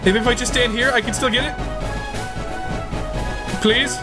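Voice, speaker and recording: A woman commentating her game playthrough, jokey and excitable, yelping and laughing. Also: on the high side, slow, over loud music. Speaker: let's play gamer. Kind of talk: gaming commentary.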